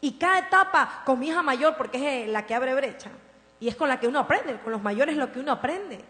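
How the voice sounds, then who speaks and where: A woman pastor preaching a sermon in a church, swinging from impassioned declarations to soft, tender storytelling. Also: high-pitched, lively intonation, brisk. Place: church sanctuary. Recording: reverberant hall with mains hum.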